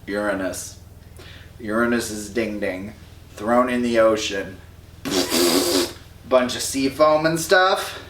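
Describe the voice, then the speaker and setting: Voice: mid-range voice, takes it slowly, long pauses, a bit bright, slight background noise. Tipsy rambling slangy storyteller. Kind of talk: drunken comic myth retelling. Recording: roomy echo, distant mic.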